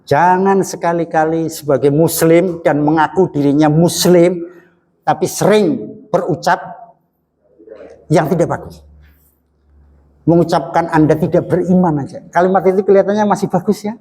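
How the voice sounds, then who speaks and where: A man's voice: a little high, steady tone, normal speed, long pauses, warm tone. An older man with a Banyumas Javanese accent giving a religious study talk, folksy and joking, acting out bits of quoted dialogue. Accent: Indonesian, Javanese Banyumas. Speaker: preacher. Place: mosque study hall. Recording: long hall reverb.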